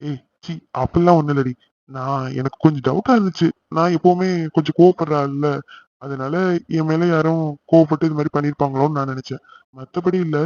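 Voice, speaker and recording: An injured young husband, a short-tempered man who keeps brushing off everyone's worry in a quick, fairly high voice, as a man acts him out. The sound is dull and lo-fi, like a cheap home mic. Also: steady tone, darkish tone, no echo, close to an everyday voice. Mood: defensive. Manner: reassuring, dismissive of worry. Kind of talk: voice acting for an amateur animated serial.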